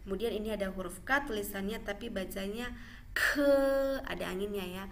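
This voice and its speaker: A woman's voice: medium pitch, fairly even intonation, a bit bright. A woman teaching Mandarin pronunciation in a classroom style, stretching out model syllables and checking in with "ya". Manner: slow, drawn-out model syllables with frequent "ya" check-ins.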